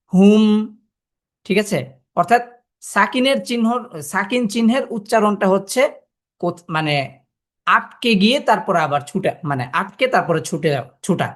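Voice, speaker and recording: A man teaching a Quran reading class, explaining step by step and sounding out letters to demonstrate. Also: high-pitched. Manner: explains step by step, asking the listeners rhetorical questions. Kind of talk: classroom lesson.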